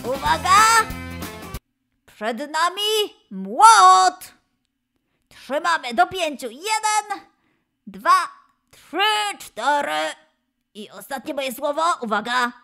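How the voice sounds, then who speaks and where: Squeaky high happy lion guy, a woman doing him, leads kids dancing, bouncy sing-song voice, slow calls, music faint behind. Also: creaky, full character voice. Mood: cheerful. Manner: excited, sing-song cheering, drawn-out calls. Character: cheery male lion mascot leading kids' dance. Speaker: children's dance and gymnastics leader. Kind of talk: children's exercise instruction.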